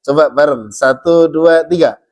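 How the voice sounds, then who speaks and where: A male recitation teacher in a mosque. He switches between quick explanations and slow chanted verses, and he coaxes the congregation to chant along with him. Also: fairly high pitch, darkish tone. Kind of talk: teaching melodic Quran recitation.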